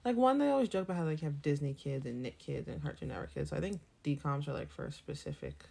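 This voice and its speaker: A woman's voice: deep voice, very animated, fast talker, gravelly, a little mellow, breathy edge. A young woman co-hosting a podcast, chatting in a jokey, chatty way. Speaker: podcast co-host. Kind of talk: casual chat.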